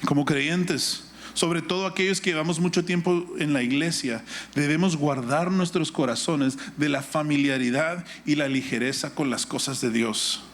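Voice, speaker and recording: This sermon comes from a middle-aged Guatemalan-accented man whose fairly high, fairly bright voice moves at normal speed over slight background noise. Instructive in manner, he reads Scripture, shares a personal story, and leans on rhetorical questions and repetition.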